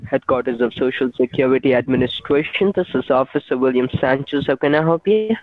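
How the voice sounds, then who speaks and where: A man's voice: mid-range voice, fairly quick, dry recording. A man on a phone call, talking as a caller who poses as a government officer. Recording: tinny, narrow phone line.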